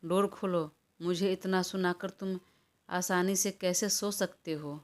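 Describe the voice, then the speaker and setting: A woman's voice: lowish voice, fairly even intonation, a little slow, lightly acted. A woman voicing a stubborn, hot-tempered young woman who quarrels and makes demands, in a storybook reading. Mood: angry.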